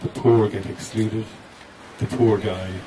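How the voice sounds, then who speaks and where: A man with a lowish voice speaks earnestly to a crowd on a city street. He is caught from a distance, with clear street noise around him. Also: little pitch movement, a little slow. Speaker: tour speaker. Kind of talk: outdoor speech to a crowd.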